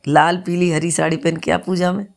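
A man's voice: fairly high pitch, level tone, normal speed, gravelly. A woman doing an easygoing old-style merchant. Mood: placating. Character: middle-aged merchant, easygoing master. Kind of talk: folk tale storytelling.

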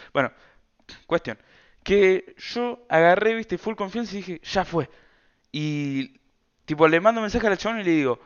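A young man with a Rioplatense Argentine accent chats through a personal story for his podcast. His voice sits fairly high and sounds smooth and clean. The talk is loose and slangy, and the recording is a little dull and lo-fi. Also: a bit bright. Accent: Argentine Rioplatense Spanish. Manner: rambling, slang-heavy, chatty. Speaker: podcast host. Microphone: self-recorded camera setup.

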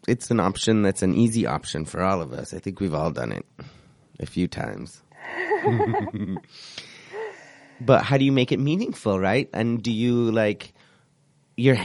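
A man hosting a casual radio chat show, hoarse from a cold and rambling as he searches for words. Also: lowish voice, darkish tone, no room sound.

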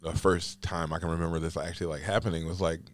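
A man's voice: deep voice, level tone, fast talker. A man hosting a podcast, chatting casually and rambling with lots of "like" fillers. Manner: rambling, heavy use of "like" fillers. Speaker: podcast host.

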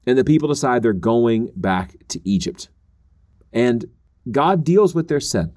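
A man's voice: medium pitch, big pitch swings, unhurried, darkish tone. Earnest man teaching scripture. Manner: earnest, explanatory, acts out quoted voices. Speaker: Bible teacher. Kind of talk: podcast teaching.

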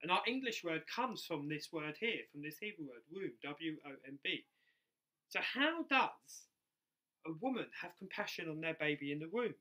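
A man's voice: fairly high pitch, animated, normal speed, low-quality recording. A man preaching a sermon, repeating key phrases for emphasis, with R's that come out close to W. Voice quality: soft R's pronounced close to W. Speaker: preacher in ministry.

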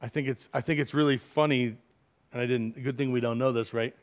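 A middle-aged man preaching a sermon as pastor, swinging from loud, emphatic lines to quiet asides. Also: mid-range voice, fairly even intonation, brisk.

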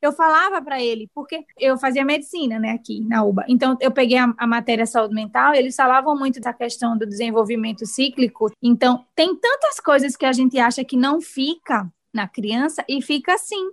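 Brief: woman, 30s, high voice, earnest storytelling guest. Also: a little fast, few pauses. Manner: earnest, animated storytelling with quoted dialogue. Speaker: interview guest, new mother. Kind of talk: emotional personal testimony.

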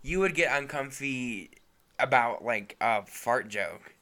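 Hesitant young man with a bright voice. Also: medium pitch, animated, slow. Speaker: podcast co-host. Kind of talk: casual chat.

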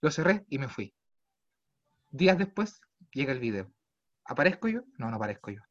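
A young Chilean man with a Chilean accent telling a comedic story casually, swearing freely and swinging between low mutters and loud exclaims. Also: sing-song, moderate pace. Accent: Chilean Spanish. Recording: slightly dull lo-fi sound.

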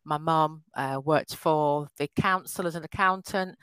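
In a casual interview over a call, a podcast guest from England in her 50s warmly chats through her life story, laughing frequently and restarting her sentences. Her voice is deep, clean, and a little slow, and the dry recording is rough.

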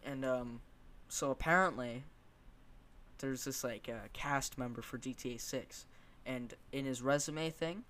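A man's voice: mid-range voice, measured pace, a bit bright. A man hosting a casual podcast, talking in long rambling runs with many fillers and asking his guest questions. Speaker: podcast host.

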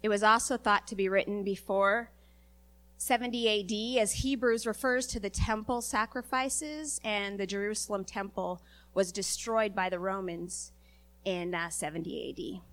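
A woman giving an earnest church sermon, a little sniffly from a recent virus and halting at times with fillers. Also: mid-range voice, steady tone, fairly bright tone. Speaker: lay preacher.

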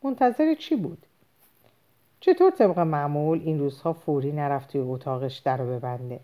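A woman narrating a novel in the first person, expressive storytelling. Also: low-pitched. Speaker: audiobook narrator.

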